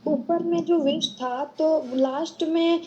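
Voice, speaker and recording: Female student, high but dark tone, slow, hesitant short answers, muffled sound. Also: fairly even intonation. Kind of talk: answering in class.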